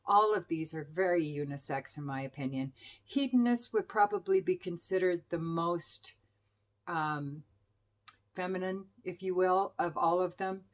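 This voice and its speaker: A woman's voice: fairly low pitch, unhurried. A middle-aged woman chatting enthusiastically as a perfume reviewer, with fillers and self-corrections. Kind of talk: casual product review.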